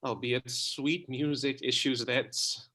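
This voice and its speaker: An actor playing an earnest, tender young prince in love, speaking stage verse. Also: male voice, medium pitch, takes it slowly, fairly bright tone.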